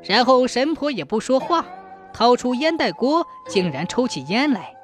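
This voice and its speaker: A woman narrating a ghost story in a measured, suspenseful way. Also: on the high side, big pitch swings, faint music behind.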